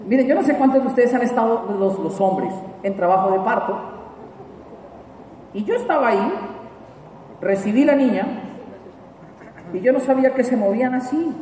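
A Colombian man telling a funny personal story to a live audience in a large hall, animated and emphatic and repeating key phrases. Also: extremely high pitch, normal speed, long pauses, a little hiss or hum. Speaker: motivational speaker. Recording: echoey hall from far off, faint ambience.

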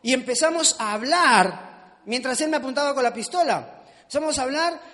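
High-voiced male preacher, reverberant hall. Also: expressive, moderate pace, sharp tone. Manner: conversational, asks the audience questions; self-mocking humor. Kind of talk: sermon.

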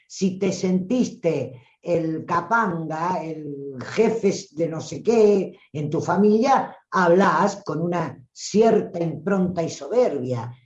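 A woman with a Rioplatense Spanish accent, a voice coach giving an animated live-streamed talk who acts out voices and calls listeners "tribu". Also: lowish voice, roomy sound, muffled recording.

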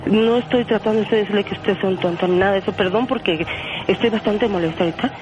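A woman's voice: medium pitch, fast, dull audio, noisy background. A middle-aged woman, talking on a radio prank call with insistent, emotional questions. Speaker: prank call victim, caller's mother. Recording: radio broadcast over phone with music.

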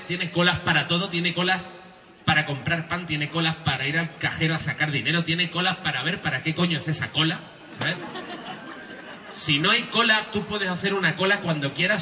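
A man's voice: on the high side, sharp tone, echoey room, far from the mic. A man from Andalusia with an Andalusian accent doing a rambling, crude, self-mocking stand-up routine. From Andalusia, Spain. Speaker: stand-up comedian. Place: live comedy venue. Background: audience laughter and applause.

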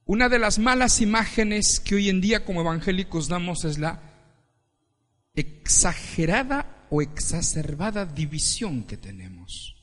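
A pastor from Ecuador preaching an animated sermon and calling on the congregation to repeat phrases after him. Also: male voice, high-pitched, a little slow. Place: church hall with congregation. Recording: reverberant church hall.

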